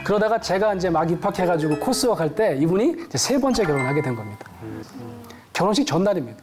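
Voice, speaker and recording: A woman's voice: on the low side, quick pace. A middle-aged woman telling a personal story in a lecture as a counselor, acting out the voices of the people in it. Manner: lively, acts out the voices of people in her stories. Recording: background music under the voice. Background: music.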